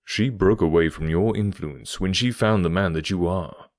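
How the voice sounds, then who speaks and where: Quiet authority marks this male narrator's take on a stern English detective of classic storybooks, his voice very deep and confident. He is expressive and speaks at normal speed. The recording is close and dry.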